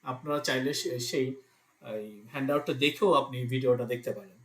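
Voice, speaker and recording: In a roomy-sounding recording, a medium-pitched man with fairly even intonation talks a little fast while teaching Italian pronunciation in Bengali. He patiently goes through letters and example words individually.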